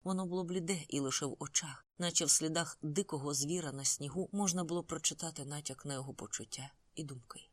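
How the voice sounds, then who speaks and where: An audiobook reader telling a first-person story. The delivery is even and steady, in a middle pitch. The recording is close and dry. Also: fast talker, few pauses, no echo. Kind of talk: first-person novel narration.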